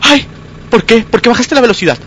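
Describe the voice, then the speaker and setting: Woman playing a high-pitched, clingy girlfriend, accusing and shrieking, sketch comedy. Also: lively intonation, fast, muffled recording, slight background noise, natural voice. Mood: jealous. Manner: accusing, whiny, shrieking outbursts. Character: jealous, hysterical young girlfriend.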